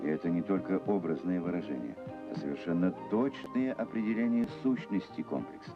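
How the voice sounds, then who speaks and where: A man giving formal, measured scripted narration for an old newsreel. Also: low voice, lively intonation. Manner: formal, measured official delivery. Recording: dull lo-fi archival film sound with music.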